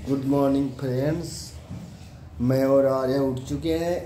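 A man's voice: mid-range voice, fairly even intonation, normal speed, noisy background. A young man chatting to viewers while filming his family's day at home. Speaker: vlogger, husband. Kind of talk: casual home vlog. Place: home, indoors.

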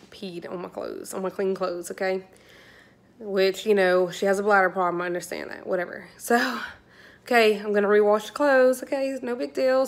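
Holding her phone at arm's length in the kitchen, a vlogger and mom recounts a household mishap straight to her viewers. She's chatty and exasperated, with a medium-pitched, slightly bright voice.

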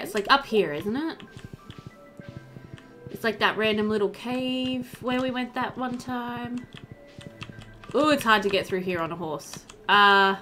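A gaming video host in her thirties does casual, chatty let's play commentary from a room at home, thinking aloud and talking to the game characters over game music. Her voice is mid-range, bright and forceful.

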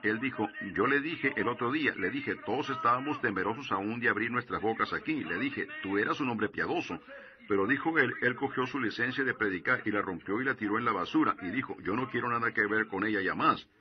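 A man with a lowish voice delivers a sermon in storytelling fashion. He slows down and leans on his warnings. The recording sounds dull and lo-fi. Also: noisy background. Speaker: preacher. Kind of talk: sermon in Spanish voice-over.

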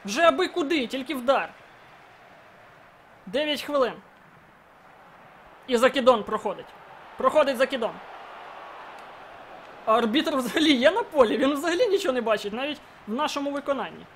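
Excitable high-voiced male game commentator. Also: moderate pace, long pauses, a little hiss or hum. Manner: excitable, bursts into shouting at goals. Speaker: gaming channel host. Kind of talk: live gameplay commentary.

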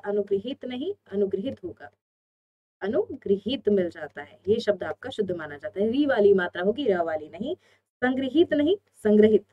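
A woman's voice: medium pitch, narrow, tinny audio. Woman teacher quizzing and answering herself. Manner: explains step by step, asks and answers her own questions. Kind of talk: online exam-prep Hindi lesson.

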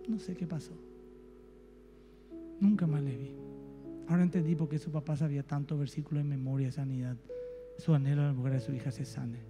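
A man with a Paraguayan Spanish accent preaching a sermon, telling a story and swinging between soft and emphatic delivery. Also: on the high side. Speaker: pastor. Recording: reverberant church hall with faint music.

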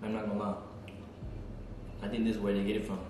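A man's voice: fairly low pitch, monotone, fast, far from the mic, very noisy. A man co-hosting a snack-tasting vlog, talking while chewing in a laid-back, slangy way. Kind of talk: casual snack-tasting chat. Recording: very echoey room, off-mic, loud music behind.

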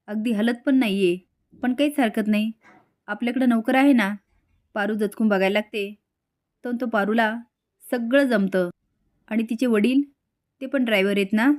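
A woman retelling the latest episode of a serial in an easy storytelling voice. Her pitch sits in the middle range, and she speaks the characters' lines in much the same everyday voice as the narration. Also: a little mellow. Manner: retells the scenes, reading each character's lines in a plain voice.

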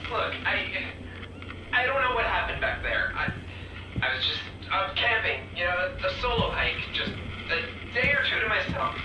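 A man's voice: high voice, sing-song, moderate pace. An actor playing a frightened lost male hiker, speaking over a walkie-talkie radio and stammering and rambling nervously. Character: lost male hiker chased through the forest. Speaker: game character. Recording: roomy distant game audio with music.

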